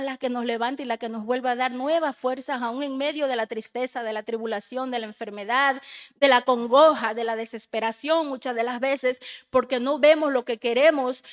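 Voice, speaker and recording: A middle-aged woman giving a fervent, emotional religious testimony in a small church, speaking like a preacher. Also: high-pitched.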